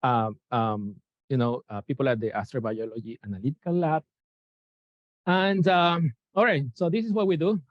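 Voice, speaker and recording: A Peruvian NASA chemist gives an informal science lecture, hesitant and full of fillers and self-corrections. His mid-range voice moves at a moderate pace, captured dull and dry by a room mic and shared over Zoom.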